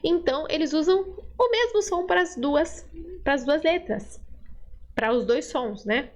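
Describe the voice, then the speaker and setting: A woman's voice: high-pitched, lively intonation, normal speed. A woman teaching a pronunciation lesson in a patient, step-by-step manner, often checking that the listener follows. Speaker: Spanish teacher.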